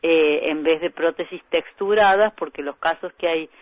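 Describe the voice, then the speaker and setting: A woman doctor with an Argentine accent, calmly explaining medical points as a guest in a radio interview, with frequent hesitation fillers. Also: low-pitched, normal speed, dry recording, highs cut off. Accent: Argentine Spanish. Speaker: breast specialist doctor, guest.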